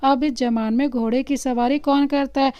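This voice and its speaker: A woman's voice: high-pitched, fairly even intonation, normal speed, mellow, clear, resonant tone, dry recording, lightly acted. A woman voicing a timid, fearful young bride-to-be in a storybook reading, with a pleading manner. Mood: worried. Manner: pleading, anxious.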